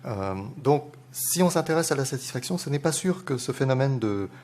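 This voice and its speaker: A man on a lecture panel giving a measured answer, hesitating often with fillers. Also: medium pitch, lively intonation, a little mellow. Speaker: economist panelist.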